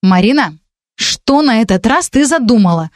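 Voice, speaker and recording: A woman voicing Vika, an indignant, bossy teenage witch girl who scolds in a high, shrill voice. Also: sing-song, fairly quick, no echo, studio quality. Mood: scolding. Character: sharp-tongued young witch girl, purple-haired, bossy.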